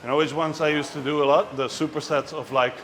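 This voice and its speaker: A man's voice: a little high, steady tone, quick pace, fairly bright tone, rough recording. A man talking like a gym bro, chatting casually and coaching through a workout in motivational slang. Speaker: fitness trainer presenting a workout. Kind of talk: casual gym vlog chat. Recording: music behind the voice. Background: music.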